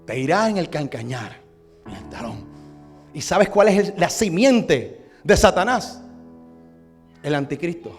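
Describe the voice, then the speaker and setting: A man's voice: a little high, big pitch swings, a little slow, long pauses, faint music behind. A man preaching a sermon as pastor, posing rhetorical questions to his congregation. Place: church.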